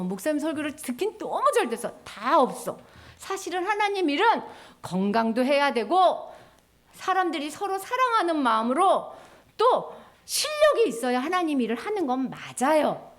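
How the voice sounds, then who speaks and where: A woman teaching a children's sermon in a church, storytelling animatedly and acting out the people in the story. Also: high-pitched. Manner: animated, acts out characters' lines with sighs and cheers.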